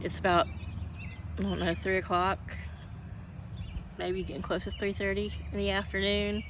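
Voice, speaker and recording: Older woman rambling, gravelly voice. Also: mid-range voice, level tone, moderate pace. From Oklahoma. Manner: meandering, homey, with frequent hiccups and yawns. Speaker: vlogger. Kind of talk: rambling casual chat. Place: outdoors in a garden. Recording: faint outdoor noise, birds and passing traffic.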